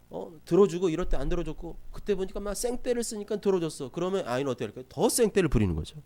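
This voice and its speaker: A male pastor preaching a sermon from South Korea, lively, acting out scolding parents in quick asides. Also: high-pitched. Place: church sanctuary.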